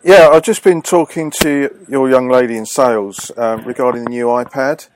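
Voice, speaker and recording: A man's voice: medium pitch, steady tone, normal speed, dry recording, poor audio. A man phoning a company as a customer, questioning insistently and correcting the person he speaks to. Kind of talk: phone call complaint.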